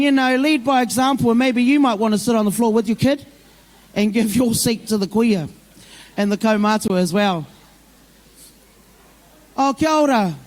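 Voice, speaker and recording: A middle-aged woman speaks in a very high voice with a broad New Zealand accent. She addresses a community gathering informally and off the cuff. Her manner is plain-spoken and motherly. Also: a little mellow. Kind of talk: informal, off-the-cuff public speech mixing English with Māori phrases.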